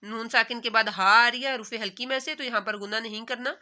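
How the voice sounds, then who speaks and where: A woman teaching tajweed in Urdu. She recites each word slowly and drawn out, then quickly explains the pronunciation rule. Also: fairly high pitch, fairly even intonation, bright, forceful tone. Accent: Pakistani Urdu.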